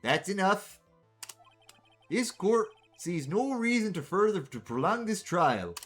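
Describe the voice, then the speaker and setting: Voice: mid-range voice, very animated, fairly bright tone, faint music behind, voice pushed up, exaggerated voice. A streamer voicing a stern, formal elderly male judge in a game read-through. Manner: formal, measured pronouncements.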